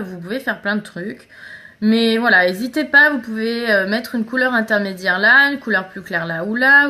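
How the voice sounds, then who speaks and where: A woman's voice: on the high side, bright, forceful tone. A woman chatting casually through a live makeup tutorial, talking straight to her viewers. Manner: chatty, addresses viewers directly and greets commenters. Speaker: makeup seller doing a live stream.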